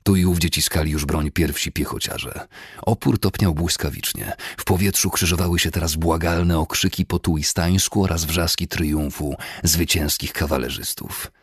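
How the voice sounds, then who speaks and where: Deep, gravelly male audiobook narrator. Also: fairly even intonation, normal speed, dry recording, clean studio sound. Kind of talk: scripted fantasy narration.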